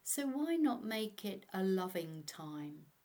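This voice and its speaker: A woman narrating a guided meditation as an instructor, in a measured way. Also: medium pitch, big pitch swings, a little mellow. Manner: slow, measured, instructional delivery.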